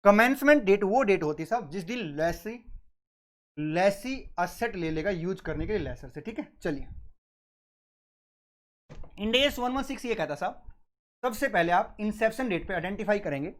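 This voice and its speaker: A man's voice: high voice, expressive, moderate pace, long pauses, a bit bright. Man, accounting tutor, classroom lecture, rhetorical questions, fond way of addressing students. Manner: asks students questions and answers them himself; calls listeners "beta" and "sahab" fondly.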